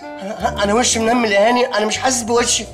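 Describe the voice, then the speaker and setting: An actor playing a melodramatic young man high on hashish, wailing in panic with an Egyptian accent. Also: level tone, racing, music in the background. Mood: panicky whining. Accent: Egyptian Arabic. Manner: wailing, breathless complaints. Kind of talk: TV comedy drama acting.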